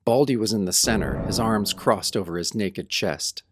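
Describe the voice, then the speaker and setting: This first-person audio drama, in old radio show style, features a man as a brooding young werewolf recounting his story with wry drama. His fairly low voice is close to everyday speech and moderately paced, against a noisy background.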